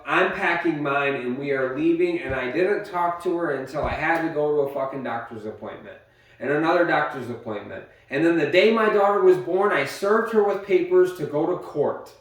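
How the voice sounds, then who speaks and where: Pissed-off guy cussing in a heated fight, echoey room, mic way off. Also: recorded from a distance. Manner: angry, swearing, shifts between yelling and low muttering. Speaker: partner in a domestic argument. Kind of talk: heated argument. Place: house, indoors.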